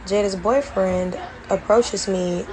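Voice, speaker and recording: A young woman with a mid-range, steady voice speaks slowly over background noise. She's a former college band member earnestly recounting her college days in a storytime vlog, giving lots of detail and plenty of fillers.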